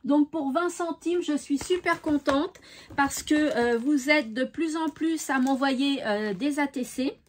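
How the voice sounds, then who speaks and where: A high-pitched woman with a regional French accent talks casually to her viewers as a craft vlogger. She is cheerful and enthusiastic, peppering her speech with fillers and repeated "voilà". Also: unhurried, a little hiss or hum. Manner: chatty, many fillers and "voilà".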